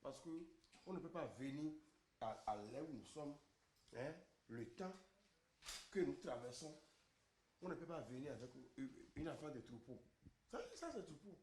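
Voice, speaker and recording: Guy playing a stingy grumpy husband, high voice, stammers and nags, echoey room. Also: animated, normal speed, pauses often, darkish tone, slight background noise, natural voice. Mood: scolding. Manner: stammering, repeating himself, scolding. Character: stingy grumbling middle-aged husband and father. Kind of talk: comic TV sketch acting.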